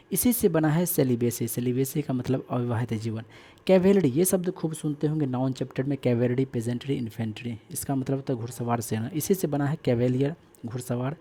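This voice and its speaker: A man's voice: medium pitch, warm tone, breathy edge. A man teaching English vocabulary for exams, repeating key words and giving memory tricks. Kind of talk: exam-prep vocabulary lesson with memory tricks.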